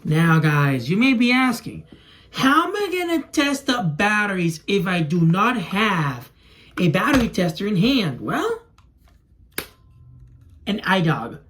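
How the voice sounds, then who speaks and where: This young adult toy video creator speaks Spanish natively and rambles casually while demonstrating something for the camera. His high voice swings widely in pitch, moves slowly, and has a fairly bright tone. The recording, made in a small room at home, is clear but picks up background noise and clicking.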